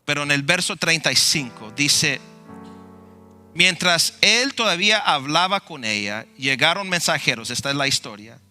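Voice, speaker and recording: Bright-voiced passionate preacher man. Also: fairly high pitch, animated, moderate pace, soft background music. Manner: dramatic storytelling preacher, swinging between loud passion and hushed tones. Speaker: pastor. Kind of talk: sermon.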